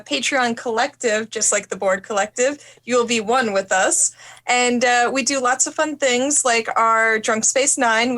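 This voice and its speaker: A woman's voice: on the high side, fairly bright tone. A woman co-hosting a live-streamed podcast with playful quips. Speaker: podcast co-host.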